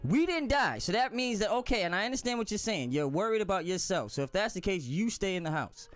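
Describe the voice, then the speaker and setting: A man's voice: high-pitched, animated, fast talker. A man hosting a podcast in casual, heated debate, argumentative and insistent, repeating his points. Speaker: podcast host.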